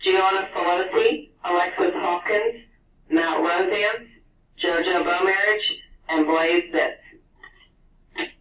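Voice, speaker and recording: A man making an announcement over a school intercom loudspeaker, reading out a list of student names for the office. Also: high voice, fairly even intonation, slow, long pauses. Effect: heard over a school intercom loudspeaker. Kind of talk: public address announcement. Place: school classroom with a ceiling loudspeaker. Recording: distant echoey muffled intercom speaker with faint hiss.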